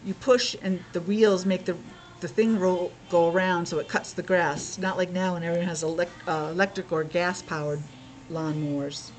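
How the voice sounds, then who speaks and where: In a lowish voice with fairly even intonation and a moderate pace, a woman reads a picture book aloud to young children. As their teacher, she drops in chatty asides, explanations and questions. Slight background noise can be heard.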